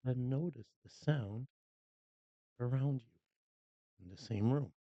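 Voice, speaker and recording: Here a meditation guide with a mid-range voice offers calm, scripted relaxation, pausing at length between brief phrases and never rushing. The audio is dry, carrying little room sound, and sounds slightly dull.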